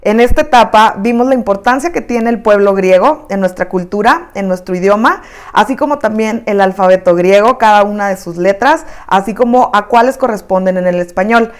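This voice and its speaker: A woman with a Mexican accent narrating a recorded online lesson, explaining terms step by step at a steady pace. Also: medium pitch, fairly quick. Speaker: teacher.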